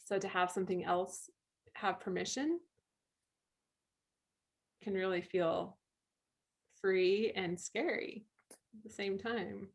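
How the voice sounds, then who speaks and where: A woman co-hosting a poetry and tea session, reading poems aloud and talking in a soft, thoughtful way with pauses. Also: mid-range voice, gravelly, husky. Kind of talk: slow, reflective poetry reading and chat.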